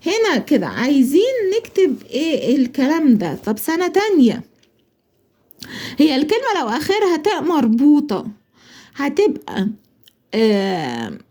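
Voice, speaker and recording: A woman with an Egyptian Arabic accent teaching a children's Arabic lesson. She asks herself questions and answers them, slowing down to spell words out. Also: high-pitched, mellow. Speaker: primary school Arabic teacher. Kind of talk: explaining a school lesson.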